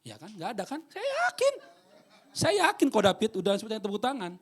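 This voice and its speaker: A male pastor, preaching a sermon in a church hall. He jokes with the congregation and swings between loud preaching and quiet asides. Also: high-pitched, fast talker, husky. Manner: animated, joking with the congregation.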